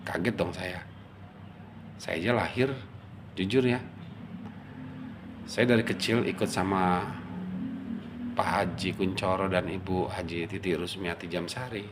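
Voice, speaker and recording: A middle-aged man from Java casually telling a personal story, animated and emotional, acting out the quotes. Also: sits low, unhurried, long pauses, background noise. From Java, Indonesia. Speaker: storyteller recounting his life.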